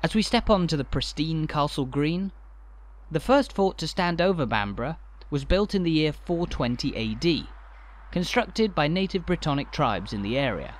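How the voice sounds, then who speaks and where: Guy narrating a walking tour, bit higher voice, measured and informative, dry jokes here and there. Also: expressive. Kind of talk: scripted narration.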